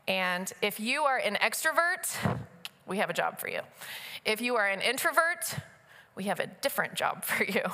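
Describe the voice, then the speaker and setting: A woman's voice: mid-range voice, bright, forceful tone. A woman speaking informally and chattily to a church congregation, giving a personal testimony and appeal. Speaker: church volunteer team speaker. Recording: reverberant large hall.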